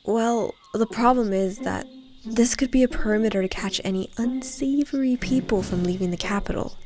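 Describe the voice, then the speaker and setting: A woman's voice: on the high side, normal speed, a little mellow, close to an everyday voice. A woman playing a protective guide in an audio drama, sensible and dryly exasperated, teasing as she encourages. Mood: focused, cautious.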